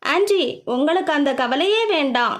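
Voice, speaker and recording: A woman voicing a sharp-tongued young woman who scolds and snaps in an audiobook. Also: high-pitched, animated, normal speed. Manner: irritated, scolding.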